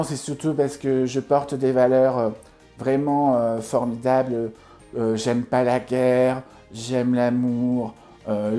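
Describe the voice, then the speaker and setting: A man plays a vain, airheaded female beauty influencer in a parody vlog. The voice is soft-edged and mellow, affected and hesitant, with music behind it. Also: mid-range voice, pitched above the performer's own voice, lightly acted.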